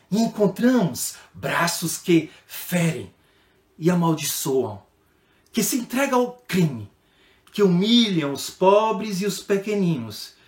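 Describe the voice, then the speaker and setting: A man's voice: fairly high pitch, reverberant. Brazilian man teaching, ending phrases with "né?". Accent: Brazilian Portuguese. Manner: frequent tag "né?" and restarts. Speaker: storytelling instructor. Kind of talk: instructional talk on reading aloud to children.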